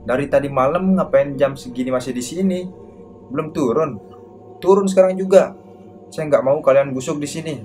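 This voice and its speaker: A man's voice: a little high, normal speed, darkish tone, lightly acted. A man voicing a stern, angry old village man who barks short, urgent commands, over a noisy background.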